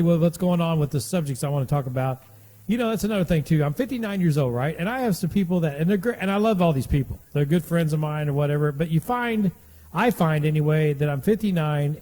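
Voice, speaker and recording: A man's voice: a little high, dark tone, big-room sound. A man in his late fifties hosting a casual monologue podcast, rambling and repeating himself in a folksy way. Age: 50s. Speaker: podcast host.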